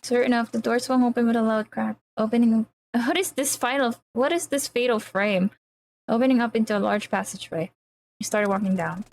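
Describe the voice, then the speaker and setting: A woman's voice: a little high, a little mellow, slight background noise, poor audio. A woman streamer reading a visual novel aloud on a live stream, in a dramatic storytelling way that acts out the characters' lines, into a desk microphone.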